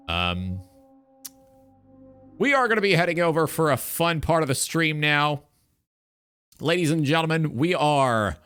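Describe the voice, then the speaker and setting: A streamer and talk show host in his twenties, speaking over background music, rants about video games during a livestream. His medium-pitched voice is clean, pushed and bright, and his style is casual, emphatic and rambling, with some swearing.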